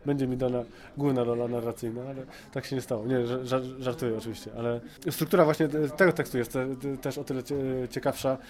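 With busy crowd noise in the background, a man interviewed about his amateur voice acting talks quickly with few pauses, his medium-pitched, darkish voice staying steady. He's casual and hesitant, often repeats words, and has a tongue-in-cheek streak.

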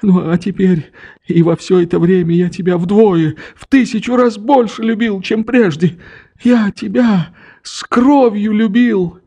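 A tender old father pours out his love and begs forgiveness, as a male reader puts him on. The voice sits raised and trembling, unhurried and mellow. It is an audiobook reading of a novel. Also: sits high, breathy edge, pitched above the performer's own voice, full character voice.

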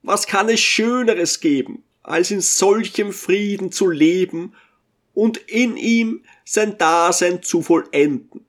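A man voicing a pious, gentle old bald man who speaks with solemn reverence. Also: high voice, takes it slowly, voice pushed up.

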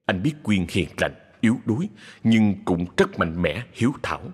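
A man narrating a ghost story in a dramatic scripted style, slowing for suspense. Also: lowish voice, sing-song. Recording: husky voice in long reverb with music.

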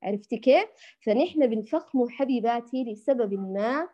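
Woman, recitation teacher, patient, tender with listeners, repeats letter sounds, raised pitch, muffled lo-fi sound. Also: animated, moderate pace, mellow. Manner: addresses listeners tenderly as dear ones. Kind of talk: tajweed lesson for women. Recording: dull lo-fi recording.

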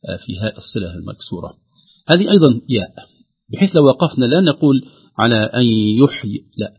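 A man teaching the rules of Quran recitation, drawing out words slowly to demonstrate them. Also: medium pitch, very animated, husky. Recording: dull lo-fi broadcast audio.

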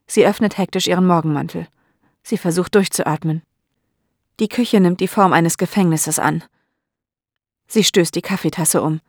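A woman narrating a learners' audiobook in a clear, measured way. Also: on the low side, darkish tone, no echo, studio quality.

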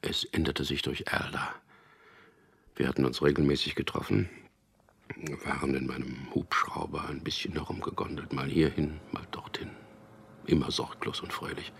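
In a German radio drama, an actor plays a smooth-talking propagandist who earnestly narrates and acts out his own story. His bass voice has a fairly bright tone, and the performance is heavily acted.

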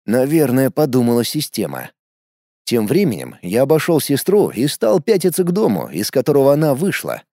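A man narrating a first-person fantasy audiobook in a lively storytelling manner, close to the mic. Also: mid-range voice, normal speed, no room sound. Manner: lively storytelling with shouted character lines.

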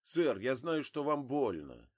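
A man voicing a calm official who talks down an armed father, in an audiobook. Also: medium pitch, slow. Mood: firm. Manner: calm, firm. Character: calm male official, steady negotiator.

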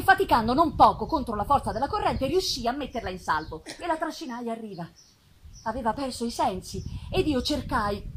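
Gothic monster, wounded and embittered, read by a woman: higher register, intense stage delivery with weighty pauses, noisy live festival recording. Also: a bit bright. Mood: tense narration. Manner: theatrical, intense, with deliberate pauses and swells. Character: Frankenstein's creature, lonely, wounded, embittered male monster. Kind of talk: dramatic literary reading of a gothic novel. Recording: live festival reading with clear noise.

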